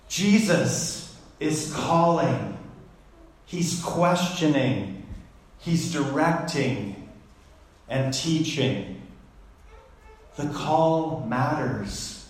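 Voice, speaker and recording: A man delivers a sermon at an unhurried, measured pace, letting each phrase land. His voice sits a little high for a man. The sound rings out in a large, echoing church hall. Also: lively intonation. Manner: slow, deliberate delivery with pauses between words. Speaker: preacher. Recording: very echoey room.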